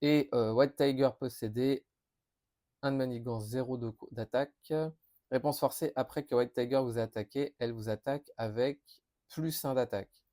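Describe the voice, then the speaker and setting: A man talks through new game cards in a loose, chatty preview. He reads each card, stumbles, corrects himself and reacts as he works it out. His voice sits at a middling pitch, neither high nor low. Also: steady tone, normal speed, mellow. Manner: thinking aloud, reading cards with many fillers and restarts. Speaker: board game youtuber. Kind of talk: casual card preview commentary.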